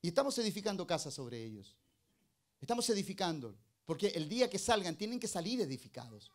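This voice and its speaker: High-voiced pastor preaching a sermon. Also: male voice, very animated, quick pace. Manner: preaching with rhetorical questions, swinging between loud emphasis and low asides.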